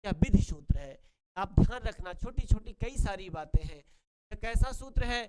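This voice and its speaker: A man's voice: high-pitched, lively intonation, moderate pace, very noisy. A man teaching Sanskrit grammar in a classroom-style lesson, who asks and answers his own questions and repeats key words. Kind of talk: classroom lesson explaining rules.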